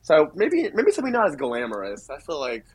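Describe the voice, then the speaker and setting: A man's voice: on the high side, huge pitch swings, brisk, husky. A man guesting on a podcast, talking in a playful, rambling way with lots of fillers. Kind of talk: casual podcast chat.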